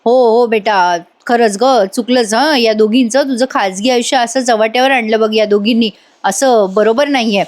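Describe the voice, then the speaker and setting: A woman's voice: on the high side, normal speed, a little mellow, natural voice. A woman voicing a stern older patriarch who scolds and gives orders. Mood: scolding.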